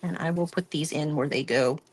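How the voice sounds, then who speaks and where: There's slight background noise as a low-voiced woman, speaking a little fast with a somewhat mellow tone, hosts a craft live stream. Working at her table, she rambles chattily about her week and describes what her hands are doing.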